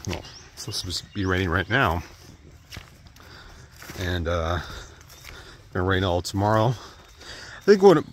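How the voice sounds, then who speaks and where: This deep-voiced man in his thirties sounds animated yet unhurried as he vlogs a hike through the woods, stopping often. Rambling and trailing off with fillers, he's picked up by an earbud mic with his phone held at arm's length, and slight background noise is present.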